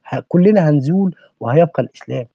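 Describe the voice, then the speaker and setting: A fast-talking Egyptian man with a husky, slightly raised voice, preaching his point in a dry, dull lo-fi recording. He fires off rhetorical questions, one after another. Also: a little high, animated, no echo. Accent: Egyptian Arabic. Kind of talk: impassioned podcast discussion.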